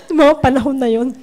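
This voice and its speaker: A woman's voice: sits high, darkish tone. A woman business trainer giving a casual training talk, chatty and playful with teasing asides.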